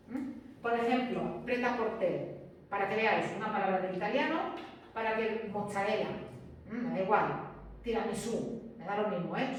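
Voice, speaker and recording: A woman lectures a class, her fairly high voice carrying through a very echoey room. She sounds distant the microphone and keeps checking that her students follow. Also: a little hiss or hum. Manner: chatty, peppered with checks for understanding. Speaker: teacher.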